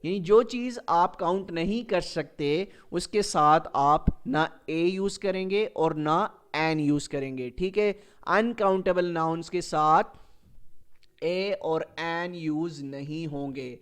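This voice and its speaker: Male teacher, high and smooth; recorded exam-prep lecture, patient and repetitive explainer. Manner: explains slowly, repeats rules, asks and answers his own questions; reads English example sentences slowly and carefully. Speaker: English teacher for exam candidates.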